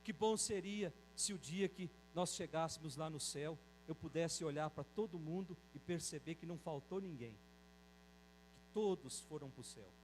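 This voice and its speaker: A Brazilian priest preaching a Sunday homily in a notably high voice. He slows right down when he reads scripture aloud and mixes in a folksy joke. A faint mains hum sits under the recording. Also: a little mellow, rough recording. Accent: Brazilian Portuguese.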